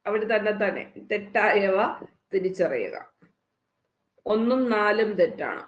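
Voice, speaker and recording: Quick-talking Malayali woman teacher, roomy sound. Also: medium pitch, animated, highs cut off. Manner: quick, conversational, quizzing students. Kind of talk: explaining exam answers to students.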